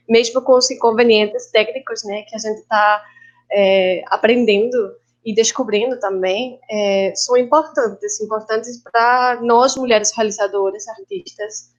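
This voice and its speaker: Speaking in Portuguese peppered with Spanish words, this Colombian guest on an online panel, a filmmaker and actress with a Colombian Spanish accent, talks in a halting, reflective way. Her pitch is fairly high, and the audio quality is lo-fi.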